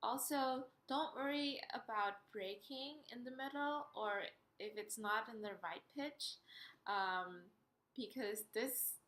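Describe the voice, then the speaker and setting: A woman giving an instructional singing lesson, explaining step by step in a hesitant, pausing way. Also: mid-range voice, sharp tone. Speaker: singing teacher. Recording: roomy, echoey sound.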